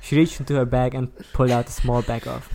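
A woman reading a story aloud with friends, amused and expressive. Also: very deep voice, fast, a little hiss or hum.

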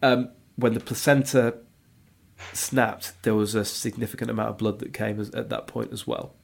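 A man's voice: fairly low pitch, steady tone, moderate pace, gravelly. A man chatting candidly on a podcast, rambling through memories with plenty of fillers. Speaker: podcast co-host, father of two. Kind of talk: casual podcast chat.

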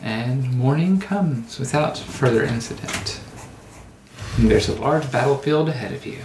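A game master narrating a tabletop role-playing game, halting and pausing mid-description. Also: medium pitch, animated. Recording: roomy, echoey, faint background noise.

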